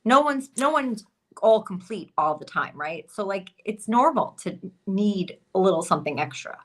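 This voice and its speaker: A woman's voice: mid-range voice, lively intonation, moderate pace, a bit bright. A woman in her late thirties, a podcast guest, chatting casually and laughing often. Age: late 30s. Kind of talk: casual chat.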